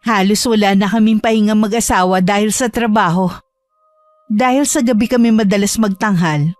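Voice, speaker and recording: A woman's voice: mid-range voice, a little mellow, no room sound. Dry, close woman narrating a horror tale. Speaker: story narrator. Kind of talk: scripted first-person horror narration.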